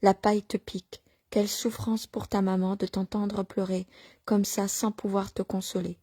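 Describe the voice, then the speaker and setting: A woman voicing a tender young mother soothing her crying newborn in a soft, partly whispered voice. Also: medium pitch, little pitch movement, moderate pace, slightly rough, dry recording, clean studio sound. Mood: tender, hushed.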